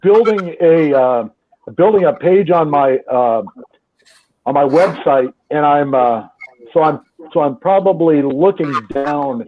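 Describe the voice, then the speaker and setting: A man who runs a restaurant, chatting casually over a video call. He talks haltingly with many pauses and restarts, and his audio is buzzy and glitchy, breaking up and freezing. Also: on the high side, expressive. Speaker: restaurant owner joining a live chat by video call. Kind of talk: casual chat. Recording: tinny, noisy call line.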